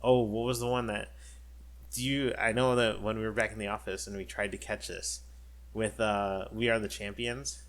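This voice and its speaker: Male podcast co-host, lower register, loose rambling delivery with fillers and restarts. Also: flat delivery, moderate pace. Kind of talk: casual chat.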